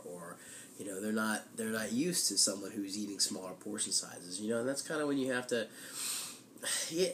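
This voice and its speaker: A man's voice: medium pitch, a bit bright, slight background noise. A man with a congested, blocked-nose voice from a head cold, like he has tissue up one nostril, chatting casually and loosely as a vlogger. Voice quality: stuffy, blocked-nose sound. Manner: conversational, loose, frequent "you know". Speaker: weekly vlogger. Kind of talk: casual chat to camera.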